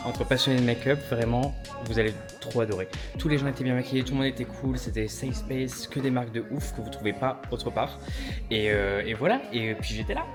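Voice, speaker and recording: A man chatting casually and effusively to a vlog audience in a camp manner, as the host. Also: medium pitch. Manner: chatty, effusive, camp, calling people "ma belle". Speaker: vlog host, drag performer and makeup brand founder. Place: beauty convention pop-up stand. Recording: loud music behind, vehicle noise.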